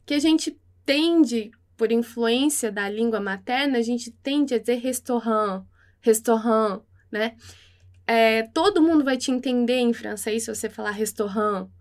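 Slow, careful woman teaching pronunciation. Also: on the high side. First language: Portuguese. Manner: slow, careful modeling of French words. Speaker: French teacher. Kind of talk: pronunciation lesson.

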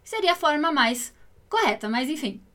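A woman who grew up in Italy, giving a patient language lesson as a teacher and slowly spelling out example phrases. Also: high voice, sing-song, bright, forceful tone. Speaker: Italian teacher.

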